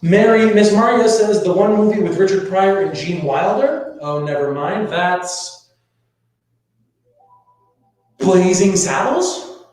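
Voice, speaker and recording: A man's voice: high-pitched, measured pace, darkish tone. A man hosting a live-streamed trivia game show, playful and showy, chatting casually with viewers in a very echoey space. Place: echoey room. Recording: very echoey reverberant space, music behind. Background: music.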